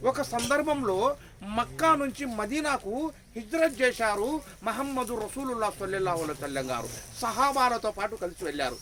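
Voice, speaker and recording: A hoarse man preaching a sermon, firing rhetorical questions at the crowd and rising to shouts. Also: extremely high pitch, slight background noise, low-quality recording. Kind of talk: sermon at a religious gathering.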